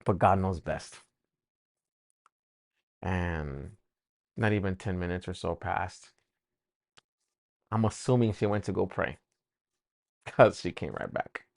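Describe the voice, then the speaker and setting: A man telling his personal faith testimony, emotional and halting, often repeating words as he speaks. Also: sits low, gravelly, no echo, clean studio sound.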